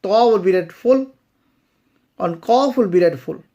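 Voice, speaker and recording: A woman teaching recitation, chanting verses slowly and then explaining pronunciation rules in brisk spoken asides. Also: mid-range voice, lively intonation, dark tone, muffled recording. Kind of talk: slow tajweed lesson.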